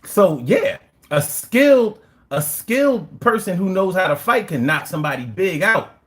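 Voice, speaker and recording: High-pitched and very animated, this livestream host talks at a normal speed with a slightly bright sound. He's a young Philadelphian with the local accent, chatting casually through viewer comments while bragging in profane street slang.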